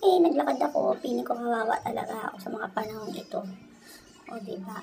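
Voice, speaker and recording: A woman's voice: fairly high pitch, fast, creaky, soft background music, poor audio. Teasing Filipino woman vlogging. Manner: teasing, playfully self-pitying, shouts and sing-song at times. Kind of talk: casual vlog narration. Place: outdoor park at night. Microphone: handheld phone camera.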